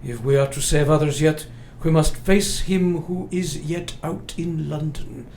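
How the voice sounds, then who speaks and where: An actor playing an old foreign professor and vampire hunter in a radio play, speaking with grave, formal, halting earnestness. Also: male voice, a little high, a little mellow. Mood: grave, resolute. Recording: roomy, faint background noise.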